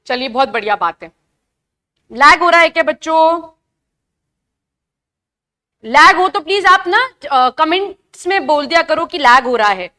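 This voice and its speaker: A young woman giving a live online biology lesson, chatty and asking her students questions, reading textbook lines slowly before explaining them. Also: high-pitched, lively intonation, sharp tone. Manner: reads English textbook lines slowly, then explains in Hindi. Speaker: biology teacher. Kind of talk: live online class lecture.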